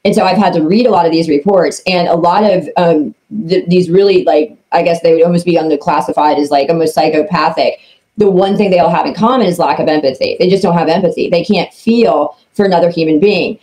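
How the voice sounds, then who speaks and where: A woman's voice: on the low side, brisk, warm tone, poor audio. A woman lawyer co-hosting a podcast in casual chat, talking emotionally with many fillers and restarts.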